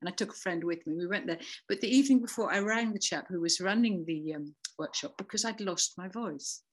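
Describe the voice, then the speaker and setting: A woman with a fairly low voice, talking at an easy, reflective pace in a conversational interview. She tells her story with small laughs and self-corrections, like a facilitator looking back on her work. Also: a little fast. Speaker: voice dialogue facilitator.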